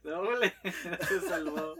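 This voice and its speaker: A man hosting a casual chat, reacting to a joke with quick chuckling remarks. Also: high-pitched, crowd noise. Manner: eager listener, short chuckling reactions. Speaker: podcast host.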